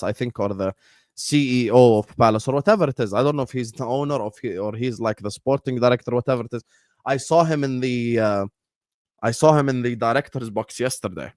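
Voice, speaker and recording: The speaker is a man from Jordan with Arabic as his first language, hosting a football live stream at a medium pitch. He comes across combative and repetitive, with fillers such as "you get me." Studio-quality sound, no room ambience.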